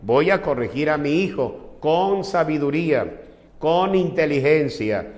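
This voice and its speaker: Male pastor preaching in an echoey hall. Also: fairly high pitch. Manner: earnest, explanatory preaching with quoted dialogue. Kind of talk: sermon with personal anecdotes. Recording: echoey hall with long reverb.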